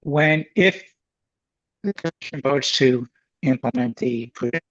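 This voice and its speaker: A man answering questions in an online public meeting, his video call audio cutting out and breaking up, his sentences halting. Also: medium pitch, fairly bright tone. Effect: audio cutting out, glitchy call connection. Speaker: benefits official answering questions. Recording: dull, distant, glitchy video call audio.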